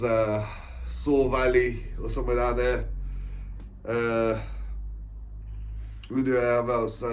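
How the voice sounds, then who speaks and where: Author, male, 40s; loose, digressive monologue, laughs a lot, repeats phrases. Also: mid-range voice. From England. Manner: chatty, digressive, laughs often, repeats himself. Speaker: author and spiritual coach. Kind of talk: rambling personal monologue.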